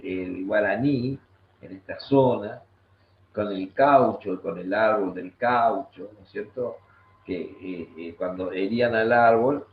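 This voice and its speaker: A man with an Argentine accent, a guest teacher patiently explaining things in an online talk and repeating key words rhythmically. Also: medium pitch. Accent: Argentine Spanish. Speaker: guest teacher of Guaraní language and culture. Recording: echoey muffled room with faint noise.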